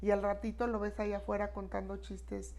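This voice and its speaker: A woman speaks as an expert guest, explaining earnestly in easy conversation. Her voice is dark and mellow with a gravelly edge of fry, and she often closes a point with a quick questioning tag. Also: mid-range voice, completely flat delivery. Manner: earnest, repeats 'no?' tags, acts out quoted phrases. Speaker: expert guest on death and grief.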